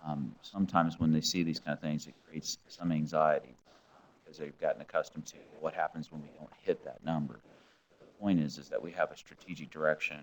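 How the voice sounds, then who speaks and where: A man on a board committee giving earnest remarks in a formal meeting, repeating words as he starts his points. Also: a bass voice.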